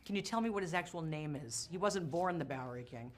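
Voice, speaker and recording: A woman's voice: sits low, lively intonation, quick pace, slight background noise. A woman chatting effusively and conversationally as an interviewer at a press interview. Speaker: entertainment interviewer.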